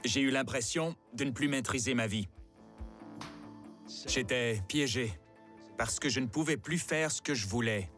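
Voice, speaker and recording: Calm rueful man recounting his past. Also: medium pitch, unhurried, long pauses, faint music behind. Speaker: former reality show star interviewed. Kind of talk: dubbed documentary interview.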